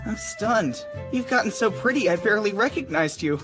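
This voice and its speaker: A shy, kind anime teenage boy, voiced by a woman. The boyish voice swings widely in pitch, casual and easily flustered, over music. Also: expressive, moderate pace, lightly acted. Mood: flustered friendliness. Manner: casual, awkward. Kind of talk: English anime dub acting. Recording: music behind the voice.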